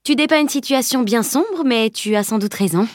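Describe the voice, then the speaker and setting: A woman's voice: fairly high pitch, expressive, normal speed, no room sound, studio quality, voice pushed up, natural voice. A woman reading an earnest, thoughtful teenage girl in an audiobook.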